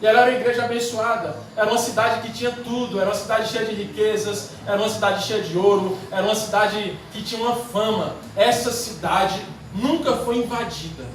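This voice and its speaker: Pastor, man, high voice, sermon, very echoey church heard from far off. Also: fairly even intonation, brisk, few pauses. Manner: emphatic, repetitive rhetorical preaching. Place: church sanctuary. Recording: very echoey church hall from far off, faint noise.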